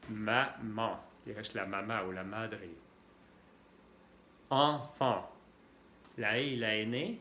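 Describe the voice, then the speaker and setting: A man's voice: medium pitch, sharp tone, roomy sound, a little hiss or hum. A man with a French accent teaching French sounds in Spanish, spelling letters out and repeating each sound patiently. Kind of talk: slow language lesson.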